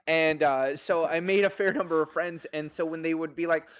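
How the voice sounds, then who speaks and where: A man's voice: a little high, fairly even intonation, moderate pace, a bit bright. A man on a discussion panel, chatty, often laughing and acting out quoted voices as he tells stories.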